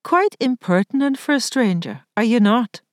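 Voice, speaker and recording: A woman voicing a spirited young gentlewoman who speaks sharply and commandingly, with a thick accent. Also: a little high, animated, moderate pace, no room sound, studio quality, voice pushed up, lightly acted. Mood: defiant.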